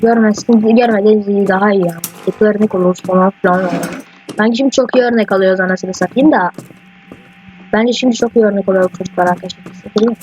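Excitable high-voiced male gamer. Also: quick pace, soft background music. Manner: rambling, excitable, swears often at the game. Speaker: gaming YouTuber. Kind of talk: casual let's-play commentary. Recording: dull lo-fi mic with faint hiss.

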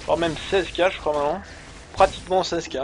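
High-voiced man casting a video game. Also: fairly even intonation, brisk, slight background noise. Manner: hesitant, many fillers, speeds up on plays. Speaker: esports caster. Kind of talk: live game commentary. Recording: commentary over loud game music.

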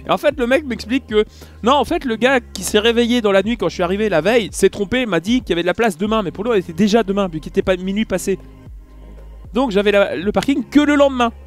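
Male vlogger, higher voice, chatty storyteller who plays out each exchange, faint music bed. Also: fast. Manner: animated, acts out dialogue, many fillers. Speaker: YouTuber recounting an event. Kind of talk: casual storytelling vlog.

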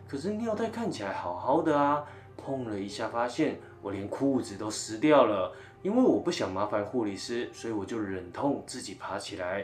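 A man narrating a ghost story as channel host, telling it in a dramatic, animated way. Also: mid-range voice. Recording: roomy, faint background music.

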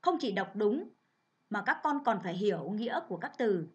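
A woman primary school teacher giving a reading lesson to children, reading clearly and measuredly. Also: mid-range voice, sing-song, moderate pace.

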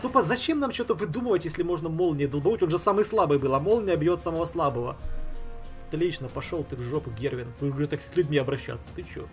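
A man's voice: on the high side, quick pace, a little mellow. A man giving casual, slangy gameplay commentary, thinking aloud and repeating himself. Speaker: gaming streamer. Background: game music.

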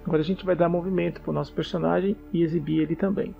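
A man talks through a coding tutorial in a relaxed, step-by-step way, often checking in with the listener. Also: fairly high pitch, quick pace, gravelly, highs cut off, soft background music. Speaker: programming tutor. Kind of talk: casual screencast coding tutorial.

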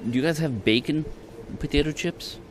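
Clear background sounds of a big supermarket accompany this man's casual shopping tour, recorded on a handheld camera he speaks behind. His slightly high voice moves at a moderate pace, offhand and hesitant, often trailing off.

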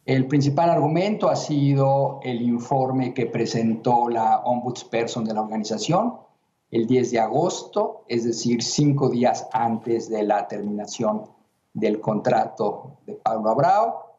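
A man giving measured, official answers in an interview, often pausing with hesitations. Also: mid-range voice, dark tone, a little hiss or hum. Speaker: interviewee, human rights commission president. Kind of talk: formal remote interview answers. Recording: roomy, dull remote line.

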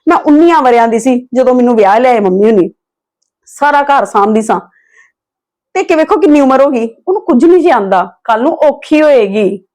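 A woman's voice: high-pitched, expressive, brisk, darkish tone. A young woman, playing a sensible wife who firmly lectures her husband about his sister.

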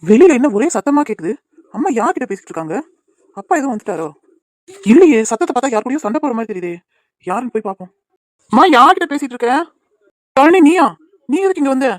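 Woman doing a cartoon young man, gentle and soothing, rapid-fire delivery, fairly high voice. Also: very animated, dry recording, clean studio sound. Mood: puzzled. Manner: soothing, reassuring, quick talking. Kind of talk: cartoon voice acting.

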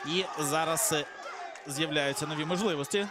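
High-voiced male fight commentator. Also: moderate pace, heavy background noise. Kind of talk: live sports commentary in Ukrainian. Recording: loud crowd and music behind commentary. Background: loud arena crowd and music.

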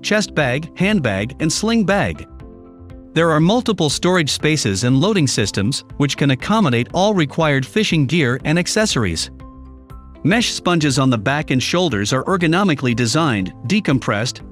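A man narrating a scripted product review voice-over, reading lists of features in an even, advertising tone. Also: fairly high pitch. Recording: faint background music under the voice.

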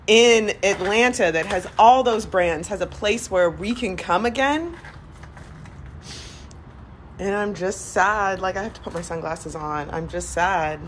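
A tearful woman, a business owner talking to her fans in halting, repetitive speech. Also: mid-range voice, a little hiss or hum. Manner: halting, repeats herself, many likes. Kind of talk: emotional phone video to fans.

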